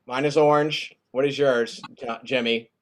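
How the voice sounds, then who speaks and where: A man's voice: mid-range voice, steady tone, a little slow. A man co-hosting a comedy show on a video call, breezy and pushy, who keeps asking "all right?". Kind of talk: comic banter on a video call.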